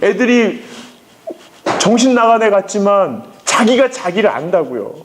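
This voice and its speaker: Male pastor, high and very animated delivery, emphatic parent seminar in a lecture hall. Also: a little slow, noisy background. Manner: emphatic, acts out quoted voices, often says "막". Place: lecture hall with live audience.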